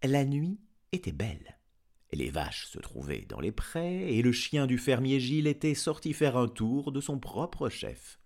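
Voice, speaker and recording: A man narrating a novel aloud as an expressive audiobook reader. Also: mid-range voice, a little slow, gravelly. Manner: expressive, lively reading. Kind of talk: audiobook storytelling.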